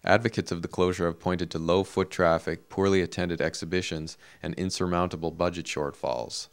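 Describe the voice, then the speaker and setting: A man reading a scripted local news report in a measured, even delivery. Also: deep voice, smooth.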